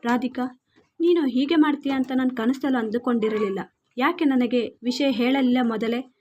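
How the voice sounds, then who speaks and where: A woman's voice: high-pitched, moderate pace, mellow, lo-fi sound. A woman voicing a hurt, anxious young husband in a storybook reading, asking reproachful, pleading questions.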